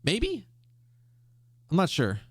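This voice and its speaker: A man's voice: high-pitched, wildly swooping pitch, slow, fairly bright tone, breathy edge, dry recording, clean studio sound. A man giving casual game commentary, thinking aloud in a hesitant, questioning way. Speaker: gamer playing and reading aloud a visual novel.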